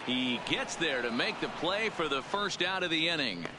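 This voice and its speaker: A man as a brisk baseball play-by-play caller. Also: a little high, close to an everyday voice. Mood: calling plays. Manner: crisp, rises in excitement on big plays. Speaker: play-by-play announcer. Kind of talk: sports commentary. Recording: loud crowd and ambient noise. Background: loud stadium crowd.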